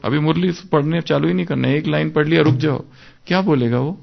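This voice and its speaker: A man giving a devotional class, animated and acting out his own inner self-talk. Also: fairly high pitch, brisk, vocal fry, highs cut off. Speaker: spiritual teacher.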